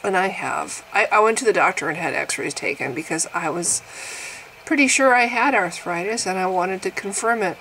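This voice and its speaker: A woman's voice: moderate pace, slight background noise, rough recording. A woman in her fifties talking casually to the camera about getting older, in a wry, exaggerated, self-mocking way that often breaks into laughter. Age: 50s. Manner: wry, exaggerated, laughing at herself, swings in pitch and loudness. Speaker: vlogger.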